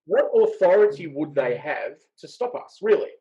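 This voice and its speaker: A man, making his case in a measured but emphatic way in a casual panel discussion. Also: fairly high pitch, big pitch swings, warm tone, highs cut off. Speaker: podcast panelist.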